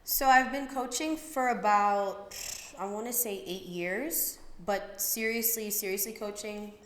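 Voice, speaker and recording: A woman's voice: mid-range voice, a little slow, fairly bright tone. A woman boxing coach, a guest on a podcast, talking candidly and easily about her own past in a casual interview. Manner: candid, talks openly and easily about hard personal history. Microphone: sits at a table mic in a podcast studio. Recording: very echoey room, faint background hiss.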